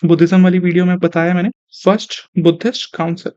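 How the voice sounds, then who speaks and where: A man's voice: sits high, little pitch movement, fast talker, darkish tone, no room sound. A young male teacher gives an online exam-prep lecture, mixing Hindi with terms and asking and answering his own questions. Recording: dry, slightly dull recording.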